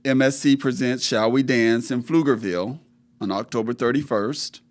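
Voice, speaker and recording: Measured male podcast host. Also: medium pitch. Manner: measured, reads through a list with many fillers. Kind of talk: casual interview.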